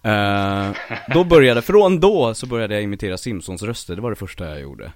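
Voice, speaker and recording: A man's voice: fairly low pitch, dry recording, studio quality. A man who works as a voice actor and impressionist, telling stories in a casual podcast interview. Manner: lively storyteller, slips into quoted voices.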